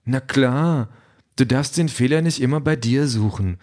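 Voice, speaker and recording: A man doing a sweet-talking digital boyfriend with a raised, buttery voice that pours out compliments and product tips. The flattery lays it on thick, and the voice sits well above his usual register. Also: mid-range voice, measured pace, pitched above the performer's own voice, close to an everyday voice. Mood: flattering. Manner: sugary, salesy praise. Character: smooth flattering male AI companion. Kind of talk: audiobook character voice.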